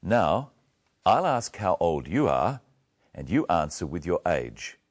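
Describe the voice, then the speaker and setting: A male English teacher walking learners through a lesson, speaking slowly and with great care. His voice is deep, and his intonation moves up and down a lot. He patiently drills the words one at a time. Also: very animated. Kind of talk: slow, clear lesson narration.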